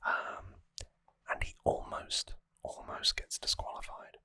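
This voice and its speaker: An ASMR host delivers a casual recap in a close-miked whisper, speaking in brief phrases with hesitant pauses. The audio has a pushed, bright quality and no echo.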